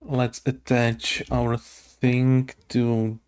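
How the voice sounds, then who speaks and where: Keys clatter and click behind a man who mutters his way through writing game code on stream, hesitating, using fillers, and quizzing himself. His pitch is medium and his delivery flat, with drawn-out words and a clean, slightly mellow tone.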